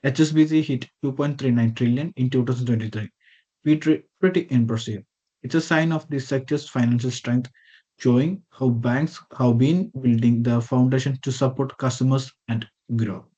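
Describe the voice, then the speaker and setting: A man's voice: mid-range voice, normal speed, warm tone, dull audio. A man reading a prepared slide presentation over a video call. He reads from a script with small slips and self-corrections. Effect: heard over a video call.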